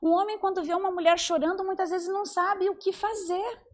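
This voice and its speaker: A woman in her forties, a psychologist and mentor, talking in an animated way on a podcast and acting out the voices she quotes. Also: very high-pitched, brisk. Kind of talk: podcast conversation.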